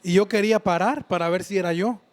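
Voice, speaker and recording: High-voiced man giving testimony. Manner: earnest, halting, with frequent restarts and repeats. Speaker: church member giving testimony. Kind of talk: personal faith testimony.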